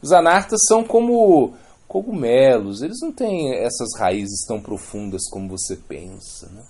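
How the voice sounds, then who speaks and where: A man with a Brazilian Portuguese accent speaks at a devotional gathering, and his voice rises and falls a lot. The tone is mellow and relaxed. He talks in a casual, rambling way, checking in with his listeners as he goes. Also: medium pitch, normal speed. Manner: conversational, keeps adding "né?" and restarting phrases. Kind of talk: spoken religious talk with storytelling.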